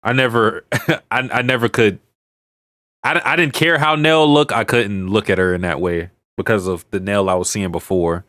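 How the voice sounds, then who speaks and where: A man's voice: lowish voice, fairly even intonation, normal speed, a bit bright, dry recording. A man giving casual, blunt and crude commentary while playing a video game, with joking asides and stammered restarts. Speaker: let's play streamer.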